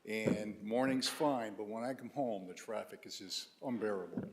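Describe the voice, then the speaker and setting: A man's voice: fairly low pitch, moderate pace, a little mellow, slight background noise. Regular guy at a town meeting, blunt, casual, says it straight. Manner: plain-spoken, casual, blunt. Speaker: resident speaking at public comment. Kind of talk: public comment at town meeting.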